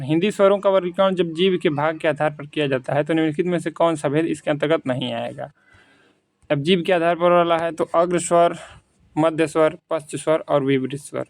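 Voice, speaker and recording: A man teaching Hindi grammar through quiz questions. He reads out the options slowly, then explains them in casual, conversational Hindi. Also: fairly high pitch, no echo. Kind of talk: quiz lesson, reading questions and explaining answers.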